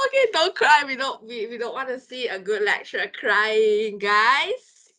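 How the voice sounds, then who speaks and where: A woman's voice: on the high side, big pitch swings, unhurried, sharp tone. Playful Malaysian woman hosting a podcast. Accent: Malaysian English. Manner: playful, dramatic reactions. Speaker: podcast host. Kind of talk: casual podcast chat.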